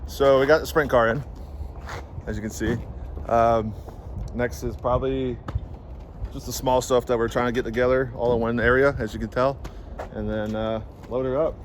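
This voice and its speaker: A young man talks loosely while he works, joking and leaving sentences unfinished. His voice sits in a middle pitch. The camera picks up a lot of background noise around him. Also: steady tone, moderate pace, long pauses. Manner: joking, laid-back, trailing off mid-sentence. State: out of breath. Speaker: race team member filming. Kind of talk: casual chat while loading gear. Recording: noisy camera audio.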